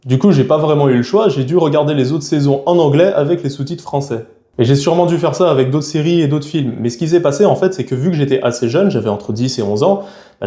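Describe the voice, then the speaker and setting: A man's voice: fairly high pitch, warm tone, reverberant. A young man from France talking frankly and casually to camera in a vlog, with a chatty, slangy way of speaking. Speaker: YouTuber.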